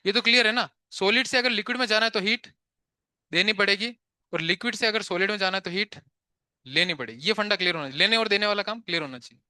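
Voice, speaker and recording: A man teaching physics to a live class, chatty and quick to tell students to stop talking and pay attention, mixing English terms into his Hindi and asking questions he answers himself. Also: sits high, pushed and bright, clean tone, dry recording, studio quality.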